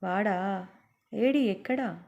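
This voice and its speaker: A woman voicing a sharp-tongued, anxious middle-aged wife who nags and mocks her husband in a storybook reading. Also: mid-range voice, slow pace, vocal fry, lo-fi sound. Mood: sarcastic scolding. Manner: sarcastic, nagging.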